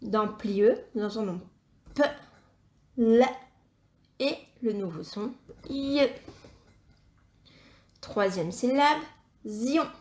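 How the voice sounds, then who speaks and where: A woman teaching a primary school phonics lesson, speaking patiently and spelling out each sound and syllable with careful, clear articulation. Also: mid-range voice, takes it slowly, pauses often, a little mellow.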